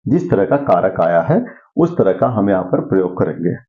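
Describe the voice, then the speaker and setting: A man's voice: deep voice, sing-song, normal speed, muffled recording. Man teaching Sanskrit grammar, quizzing aloud. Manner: asks questions and answers them himself. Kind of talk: classroom lesson.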